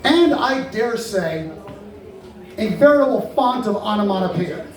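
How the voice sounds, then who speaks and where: Male comic, wry roast toast, unhurried, mic far off in an echoey hall full of laughter. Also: high-pitched, expressive, a little hiss or hum. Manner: wry, teasing, playful sound effects. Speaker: comedian roasting colleagues.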